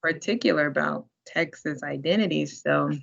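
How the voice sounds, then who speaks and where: A woman's voice: deep voice, normal speed, gravelly. A woman hosting a library talk, speaking with admiring enthusiasm. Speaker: program host. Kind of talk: casual discussion on a video call. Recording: muffled lo-fi call audio.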